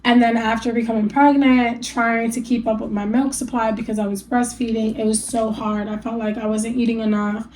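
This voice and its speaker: A woman's voice: a little high, flat delivery, brisk, few pauses, darkish tone, slight background noise, rough recording. A young adult woman vlogging candidly about her weight loss, chatty and encouraging, laughing now and then and sounding a little stuffy from allergies. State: allergies, a bit stuffy after a rough night. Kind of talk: casual talk to camera.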